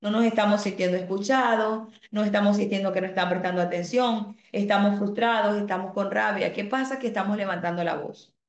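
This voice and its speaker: A woman's voice: medium pitch, fairly quick, few pauses, roomy sound, lo-fi sound. Spanish-speaking woman teaching an online class. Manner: explains calmly, reads out student comments; asks the class rhetorical questions.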